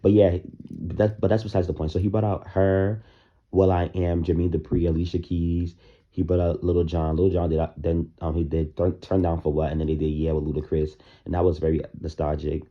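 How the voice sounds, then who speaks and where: A music reaction vlogger with a low voice offers casual, opinionated commentary on music at a normal speed. His delivery is flat and loose, full of fillers, in his morning voice. The recording is dull and lo-fi.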